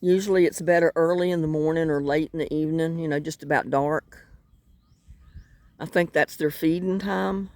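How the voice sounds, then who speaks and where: A woman's voice: deep voice, steady tone, moderate pace, a little mellow, dry recording. An older woman with a North Carolina Southern accent, chatting in a rambling, folksy way while fishing outdoors by the water. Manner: rambling, folksy, self-deprecating. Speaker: vlogger. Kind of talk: casual chat while fishing.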